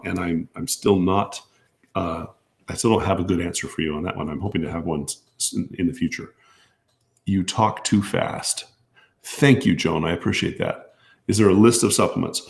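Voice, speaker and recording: A man with a hoarse voice from allergies, hosting a live-stream Q&A as a doctor, talking hesitantly with many restarts. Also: low voice. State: losing his voice from allergies. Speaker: doctor answering viewer questions.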